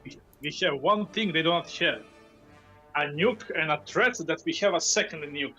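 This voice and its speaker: A man playing a tabletop role-playing game, talking casually in halting, repeated starts. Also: a little high, bright, forceful tone. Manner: halting, repeats words while planning. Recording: faint music behind the voice.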